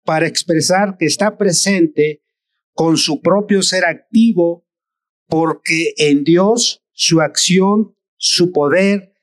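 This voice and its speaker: Un predicador con acento mexicano que da un sermón de forma lenta, deliberada y enfática. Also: male voice, on the high side, no echo, clean studio sound. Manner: slow, deliberate, emphatic preaching. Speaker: preacher. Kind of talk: sermon.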